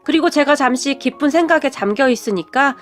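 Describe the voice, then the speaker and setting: A woman giving a scripted first-person story narration in an even, storytelling way. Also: high-pitched, brisk, soft background music.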